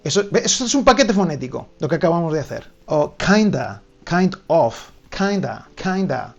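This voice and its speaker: A man's voice: a little high, big pitch swings, moderate pace, vocal fry, a little mellow, lo-fi sound, soft background music. A man giving a video lesson on learning languages, explaining directly to the viewer and checking in often. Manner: direct, addresses the viewer with frequent "¿vale?". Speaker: language teacher.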